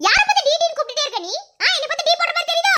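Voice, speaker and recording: Voice actor doing a squeaky, bossy cartoon girlfriend. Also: animated, very fast, very noisy. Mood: mocking. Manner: mocking, scolding, laughing while she taunts. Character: bossy teasing young woman, jilted girlfriend. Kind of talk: cartoon voice acting.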